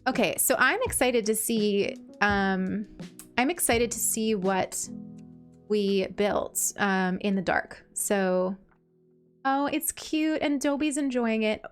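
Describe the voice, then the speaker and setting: A woman's voice: mid-range voice, takes it slowly, smooth, soft background music. A woman with a sweet, princess-like voice chatting casually on a game livestream, gushing affectionately as she thanks her viewers.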